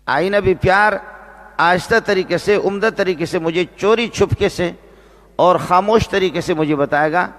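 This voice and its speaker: A man preaching a religious sermon, repeating phrases and slowing down to stress key words. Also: sits high, a bit bright. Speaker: Islamic preacher and teacher. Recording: long reverb of a large hall.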